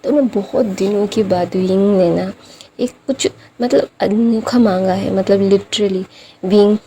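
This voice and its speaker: A woman's voice: medium pitch, fairly even intonation, a little slow, dark tone, slight background noise. A woman retelling a fan story in a rambling, conversational way, full of fillers. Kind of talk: casual storytelling narration.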